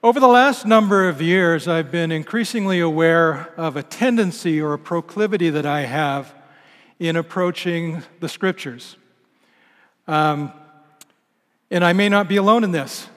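Male preacher, fairly high voice, reflective sermon with searching repetitions, long church reverb. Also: measured pace, a bit bright. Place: large church.

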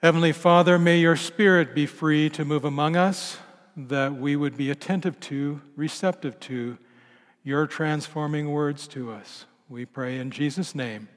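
A man's voice: fairly high pitch, unhurried. A man preaching reflectively in a church, feeling his way through phrases with repeated words. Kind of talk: reflective sermon. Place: large church. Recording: long reverb of a church.

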